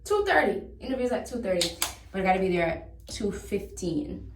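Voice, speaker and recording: A woman's voice: medium pitch, very animated, a little fast, noisy background. A young woman from Jamaica, chatting casually as a singer and interview guest, full of fillers. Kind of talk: casual chat and vlog. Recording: echoey room, far mic, music behind.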